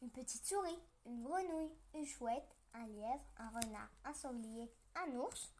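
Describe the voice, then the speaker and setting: A woman reading a children's story aloud, gentle and playful with snoring sound effects. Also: a little high, unhurried, a little hiss or hum.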